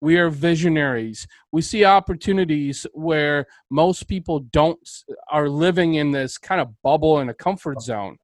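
A male podcast host with a fairly high voice. He talks with emphatic, motivational enthusiasm. The sound is dry and close, with almost no room around him. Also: normal speed, few pauses, no room sound, poor audio. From Bulgaria. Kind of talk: interview conversation.

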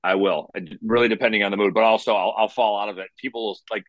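A man talks quickly and loosely. He rambles, restarts his sentences and fills them with "you know". The voice sits a little low and the sound is dry and close. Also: fairly even intonation, no echo, muffled recording. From Chicago. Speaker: musician guest. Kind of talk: casual interview chat.

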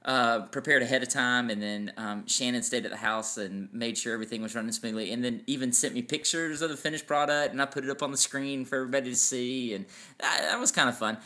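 A man's voice: medium pitch, fairly even intonation, fast talker, pushed and bright. A man in his forties co-hosting a casual family podcast, telling sentimental stories and laughing easily. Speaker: podcast co-host.

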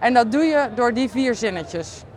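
Tired woman podcaster, slightly high voice. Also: lively intonation, darkish tone. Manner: candid, halting, with many fillers. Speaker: podcast host. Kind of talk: casual video diary.

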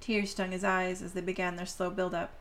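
A woman's voice: fairly low pitch, flat delivery, a little fast, a little hiss or hum. A woman hosting a podcast, reading a story aloud and talking directly to her listeners. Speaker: podcast host.

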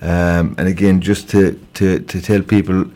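A low-pitched, dark voice with a flat delivery and measured pace belongs to an Irishman from Kerry. As a local radio guest, he delivers an informal police appeal on a crime, sounding conversational and hesitant and repeating words often.

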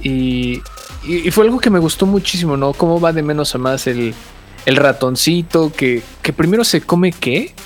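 A man's voice: a little high, lively intonation, normal speed, soft background music. Hesitant man reviewing a film. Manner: hesitant, many restarts and filler words. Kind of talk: casual film review chat.

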